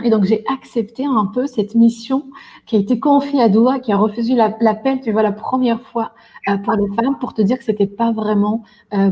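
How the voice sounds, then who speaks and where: The dull audio captures a woman with a mid-range voice, a Belgian event organizer appearing as a guest on a podcast interview. She goes on at length, her speech full of hesitations and fillers.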